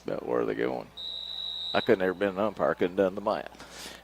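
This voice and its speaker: Southern guy doing football color commentary, gravelly fry in his voice, folksy and plain spoken. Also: low voice, big pitch swings, fairly quick, background noise. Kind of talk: casual live football commentary.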